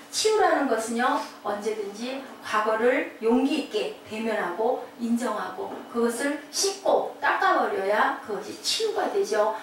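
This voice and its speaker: A woman's voice: a little high, a little hiss or hum. A woman pastor preaching a Sunday sermon, asking her congregation questions and acting out the voices of grieving people. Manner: asks the congregation many questions, acts out quoted voices. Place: small church hall. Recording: echoey hall, voice from far off.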